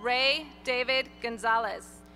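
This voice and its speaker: A woman reading graduates' names one by one at an outdoor graduation ceremony, in a clear, measured announcing manner. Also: fairly high pitch, bright, forceful tone, a little hiss or hum. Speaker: graduation name reader. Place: outdoor stadium ceremony over PA.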